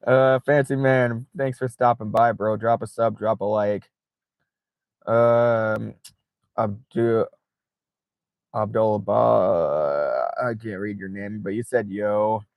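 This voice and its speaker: A man's voice: fairly low pitch, fairly even intonation, slow, creaky, darkish tone, dry recording. A man hosting a casual late-night livestream from inside his car, reading viewer chat aloud, swearing freely and laughing often. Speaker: livestream host.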